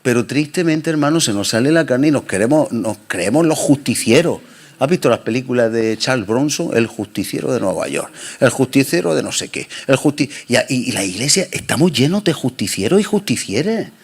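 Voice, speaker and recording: A man preaching a sermon as pastor, swinging between loud and soft passages. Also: medium pitch, animated, fairly quick, husky.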